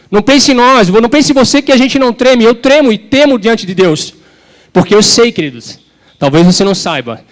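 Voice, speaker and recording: A man preaching a fervent sermon at a church service, speaking directly and emotionally with many asides to the congregation. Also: high-pitched.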